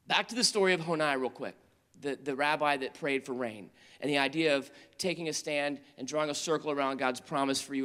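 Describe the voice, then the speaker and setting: A man preaching to teenagers in an earnest storytelling manner, rising to urgent appeals and dropping to quiet, tender moments. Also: a little high. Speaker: youth pastor. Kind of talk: sermon to teenagers. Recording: long hall reverb.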